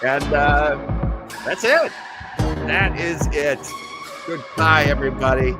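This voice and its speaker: Over loud music, a man with a fairly high voice speaks slowly while hosting a live web show on old-time radio. He chats casually with his viewers, rambling enthusiastically and throwing in playful asides.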